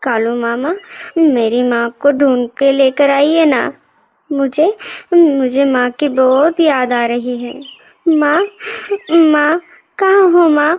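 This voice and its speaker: A woman's voice: high-pitched, slow, darkish tone. A woman voicing a small male bird chick in a cartoon, pleading and weeping for his mother.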